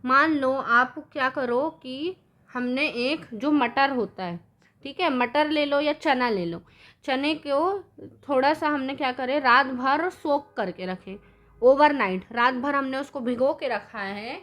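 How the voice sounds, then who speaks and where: A woman teaches a science lesson in Hindi with English terms mixed in, her voice high-pitched, slow and fairly bright. She draws on the board and asks the class questions, then answers them herself.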